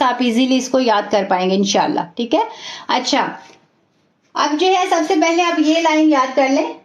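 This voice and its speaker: A woman teaching a recitation class, patiently repeating each word slowly and often checking in with her students. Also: high-pitched. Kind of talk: online class lesson, slow repetition drills. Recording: roomy, dull lo-fi audio.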